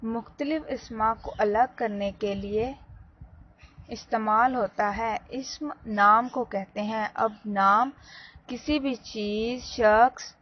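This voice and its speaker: A woman teacher giving a slow, explanatory lesson and speaking directly to her students. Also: a little high, fairly even intonation. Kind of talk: classroom lesson. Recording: dull lo-fi sound, faint background noise.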